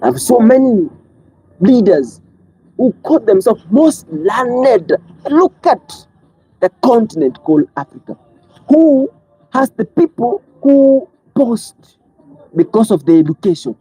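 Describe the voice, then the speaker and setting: An online commentator delivers an impassioned, preachy monologue, firing off one rhetorical question after another. The husky voice swings widely in pitch and moves slowly, lurching from loud outbursts to low pleading. The audio quality is poor.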